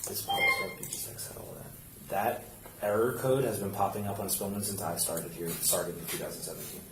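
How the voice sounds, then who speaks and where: A police officer with a lowish, expressive voice talks fairly quickly as he casually walks a colleague through a task step by step, often checking in with "right?". The body camera pickup is distant, roomy, and noisy.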